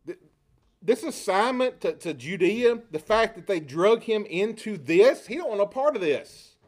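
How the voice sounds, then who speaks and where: Male preacher, fairly high voice, expository sermon with dramatic quoted lines. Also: big pitch swings, measured pace. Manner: rhetorical questions, acts out quotes with rising inflection.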